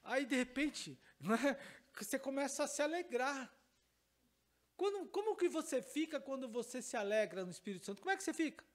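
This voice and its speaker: A Brazilian pastor with an unusually high voice for a man preaches at a church teaching service. He tells a personal story, repeats phrases for emphasis and moves between hushed and loud, emphatic passages. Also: animated, brisk. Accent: Brazilian Portuguese.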